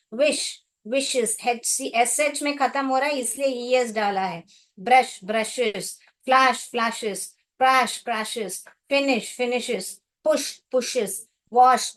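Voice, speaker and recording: A woman's voice: high-pitched, a bit bright. A young Indian woman teaching an English grammar class online, explaining patiently in a mix of Hindi and English and calling the pupils "beta".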